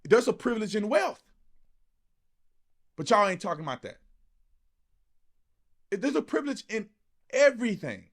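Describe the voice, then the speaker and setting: Emphatic and repetitive, this political commentator speaks in a high-pitched, sing-song, somewhat bright voice at a moderate pace with frequent pauses. His opinion monologue is impassioned and colloquial, peppered with rhetorical questions.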